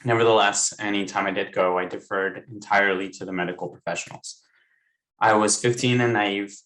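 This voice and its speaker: A man's voice: lowish voice, steady tone, fairly quick, fairly bright tone, poor audio. A young man raised in Maryland, speaking on an online panel and then earnestly reading a book excerpt aloud over a video call. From United States (raised in Maryland).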